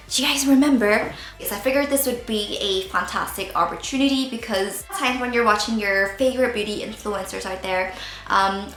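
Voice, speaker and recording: A Northern Irish beauty vlogger in her thirties chats candidly to camera, joking and tripping over her words in her Northern Irish accent. Her voice is fairly high and fairly bright, and the low-quality recording is reverberant.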